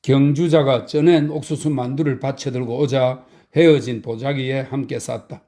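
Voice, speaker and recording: A middle-aged man narrating a short story as a slow, soft bedtime audiobook. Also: medium pitch. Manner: slow, soft, even reading. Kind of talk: calm sleep audiobook narration.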